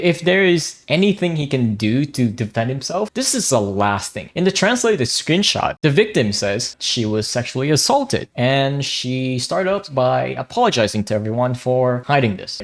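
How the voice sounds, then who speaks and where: A young man from Vietnam, native in Vietnamese and medium in pitch, talks through online drama as a gaming commentary YouTuber. He is blunt and casual, cursing freely and often breaking off to restart a sentence.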